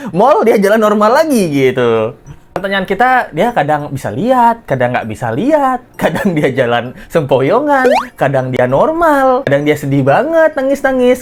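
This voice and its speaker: This commentary host has a fairly high-pitched male voice, with a slight hiss or hum on the audio. He reacts to gossip in a casual, mocking way, teasing, laughing often, and playing with words for jokes.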